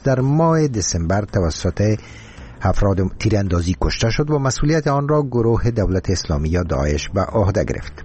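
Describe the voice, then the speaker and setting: A man's voice: on the low side, a little mellow, slight background noise. A man with an Afghan Dari accent reading scripted radio news headlines in a solemn, formal manner. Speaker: newsreader.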